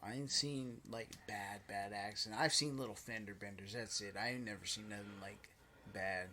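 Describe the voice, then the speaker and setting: A man's voice: lowish voice, steady tone, normal speed, pushed and bright, slight background noise. A man chatting casually as a podcast co-host, slangy and swearing often, repeating phrases for emphasis. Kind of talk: casual chat.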